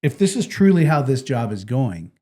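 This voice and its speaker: In casual conversation on a podcast he co-hosts, a middle-aged man tells animated stories, acting out people's quotes. He speaks at a normal pace with a husky, mid-range voice.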